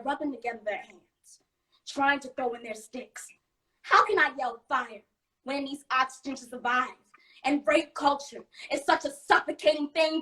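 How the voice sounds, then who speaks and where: Female slam poet, fairly high voice, earnest delivery, sitting back from the mic. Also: fairly bright tone. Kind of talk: slam poetry performance. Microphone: video call. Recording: distant from the mic.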